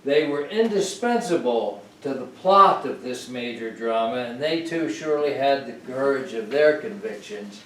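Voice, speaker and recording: An older man giving a reflective sermon to a congregation, speaking in a slow, measured and earnest way with pauses between phrases. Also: medium pitch, lively intonation, fairly bright tone. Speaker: guest speaker at a congregation service. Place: sanctuary of a congregation. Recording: roomy church sound from a distance with faint ambience.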